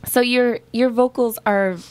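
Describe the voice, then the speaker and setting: A woman's voice: on the high side, steady tone, unhurried, a little mellow, smooth, no room sound. A woman hosting a radio interview, asking questions in a giggly, friendly way with many fillers. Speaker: radio host. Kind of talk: casual interview chat. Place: radio studio.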